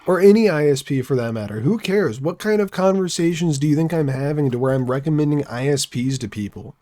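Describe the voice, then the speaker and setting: A man's voice: on the high side, animated, brisk, dark tone. Wry young man streaming a game. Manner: wry, sarcastic rambling asides. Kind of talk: casual live-stream gameplay chatter.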